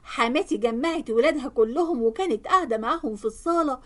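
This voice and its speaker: Brisk Egyptian woman storyteller. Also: sits high, lively intonation, fairly bright tone. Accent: Egyptian Arabic. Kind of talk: first-person story narration.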